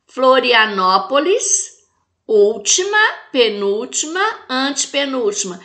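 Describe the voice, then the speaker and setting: A woman's voice: fairly high pitch, sharp tone. A woman from Brazil with a Brazilian accent, teaching a recorded class lesson, stressing syllables and asking pupils rhetorical questions. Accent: Brazilian Portuguese. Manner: slow, spells out and stresses syllables.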